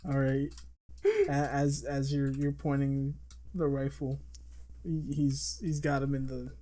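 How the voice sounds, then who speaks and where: A man narrates as game master of a loose comedy role-play and rambles through his scenes. He keeps restarting his sentences. His voice is fairly flat in pitch. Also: slow pace, a loud crowd. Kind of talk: casual improvised game narration.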